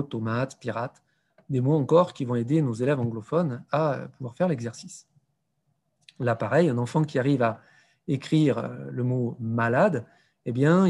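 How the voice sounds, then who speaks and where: Man, primary teacher, warm mellow tone, slightly husky, hesitant with fillers. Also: mid-range voice. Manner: hesitant, many fillers and restarts; acts out classroom exchanges. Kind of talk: explaining a classroom reading method.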